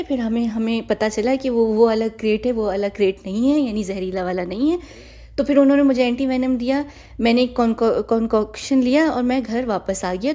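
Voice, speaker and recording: A woman's voice: a little high, mellow. A woman, giving casual, mocking commentary on a clip and lecturing her viewers.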